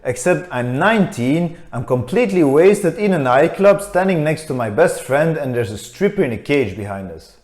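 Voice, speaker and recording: A man's voice: fairly high pitch, animated, normal speed, few pauses, a little mellow. A man in his thirties from Belgium, narrating his own story as a vlogger in a candid, matter-of-fact and self-deprecating way. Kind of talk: scripted personal narration. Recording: roomy echo.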